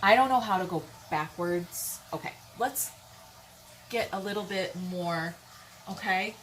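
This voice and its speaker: A woman's voice: fairly low pitch, a little slow, a bit bright, a little hiss or hum, rough recording. A woman giving a casual, chatty tarot reading, bluntly speaking her mind and often checking in with her listeners. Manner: chatty, keeps checking in with "okay?" and "all right?". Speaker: tarot reader.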